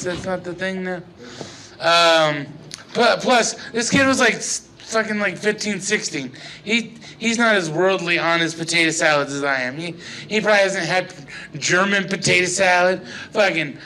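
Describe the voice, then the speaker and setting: A man's voice: high-pitched, pushed and bright, slight background noise, poor audio. A young man doing a rambling, profane stand-up set on a small bar stage, often laughing at his own jokes. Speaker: stand-up comedian. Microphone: old-style handheld stage mic.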